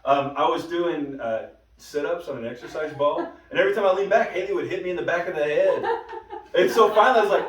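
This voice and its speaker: A man's voice: on the high side, fast. Man teaching a Bible study, roomy and distant. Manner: conversational storyteller, frequent restarts. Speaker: pastor leading a Bible study. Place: church meeting room. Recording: roomy room, mic at a distance.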